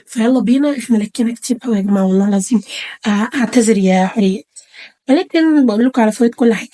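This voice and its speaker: A woman with an Egyptian Arabic accent talks fast and a little high as she walks her viewers through a home beauty routine. She calls them girls and keeps up an easy, chatty flow, recorded close on a phone camera indoors. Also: mellow. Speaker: beauty vlogger. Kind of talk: casual tutorial talk to camera. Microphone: phone camera held close.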